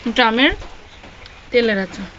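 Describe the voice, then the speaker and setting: A hoarse woman making playful, teasing remarks in a home vlog. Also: fairly high pitch, measured pace, pushed and bright. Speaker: vlogger's wife. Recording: dull lo-fi phone audio with faint noise.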